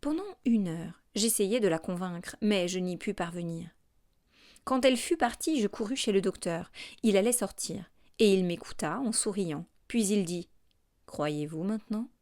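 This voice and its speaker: A woman reads a classic tale aloud for an audiobook, at a measured pace and with expressive phrasing. Her voice sits at a middle pitch. The recording is dry and close, with no room sound. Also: no room sound. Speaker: audiobook narrator. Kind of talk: scripted narration of a literary text.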